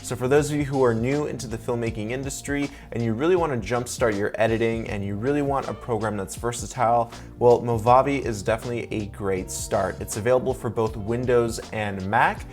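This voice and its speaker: Over soft background music, a young video editor and tutorial host talks a little fast with few pauses, his mid-range voice staying steady. He runs through a sponsored software tutorial step by step, keeping it upbeat and casual.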